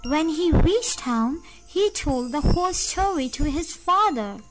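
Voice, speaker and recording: Slow high-voiced woman storyteller. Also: lively intonation, over music. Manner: slow, moralizing. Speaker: children's storyteller. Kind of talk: storybook narration for children.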